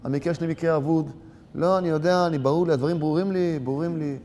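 A man voicing a despairing religious man who is ready to give up, in a low, hushed, self-pitying mutter. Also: steady tone, a little hiss or hum, close to an everyday voice. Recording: long hall reverb.

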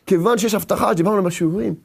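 A man teaching a Torah lesson to a live audience, animated and rhetorical, repeating phrases for emphasis. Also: high voice, vocal fry, breathy edge. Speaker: religious teacher.

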